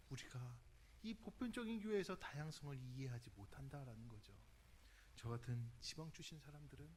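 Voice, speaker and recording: A middle-aged male pastor from Korea's Chungcheong region with a slight drawl, preaching a youth service sermon in a lively, conversational way and questioning the congregation. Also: a little high, slight background noise. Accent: Chungcheong Korean, drawn-out speech.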